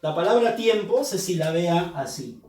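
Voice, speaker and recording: A man's voice: high voice, expressive, normal speed, darkish tone. Man teaching in an echoey room. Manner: patient, explanatory, repeats key terms. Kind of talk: recorded review lesson. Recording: roomy echo, mic at a distance.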